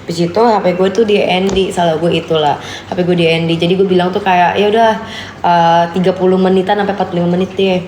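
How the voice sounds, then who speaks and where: Quick-talking young woman with slang. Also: on the low side. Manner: animated storytelling, acting out quoted dialogue. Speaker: guest storyteller. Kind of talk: casual chat on a live stream. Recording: echoey room with faint background noise.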